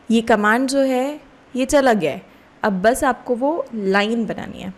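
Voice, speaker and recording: A woman instructor with an Indian accent and a medium-pitched voice leads a step-by-step software tutorial. Her explanations are casual, and she frequently pauses to check in with questions.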